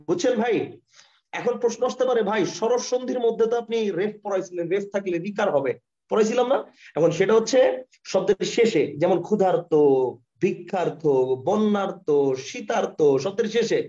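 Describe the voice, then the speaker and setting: A man with a Bangladeshi Bengali accent teaching grammar in a live online class over a computer mic. He explains step by step, repeats himself and keeps asking students if the concept is clear. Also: high voice, mellow. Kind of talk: live online lesson with screen share. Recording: dull, lo-fi online class audio.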